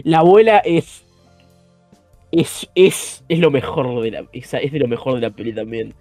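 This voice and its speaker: A young man with a Rioplatense accent, chatting casually as podcast host, animated and slangy, swearing freely. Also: mid-range voice, unhurried, no room sound, faint music behind. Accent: Rioplatense Spanish. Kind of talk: casual chat.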